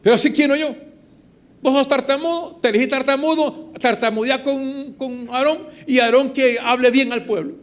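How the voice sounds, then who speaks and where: A man's voice: very high-pitched, steady tone, normal speed, voice pushed up. A male preacher voicing God as an insistent, commanding man who repeats himself for emphasis. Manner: emphatic repetition.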